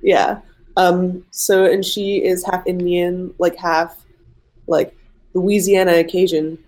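A young woman from a mixed Egyptian and Irish family, appearing as an artist guest, chats casually in an interview, rambling and leaning heavily on "like" as a filler. Her voice is lowish and darkish, with little pitch movement, and she takes it slowly.

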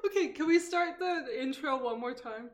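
A woman's voice: high-pitched, normal speed. A young woman from Saudi Arabia hosting a podcast in casual chat, giggling and restarting her intro. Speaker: podcast host.

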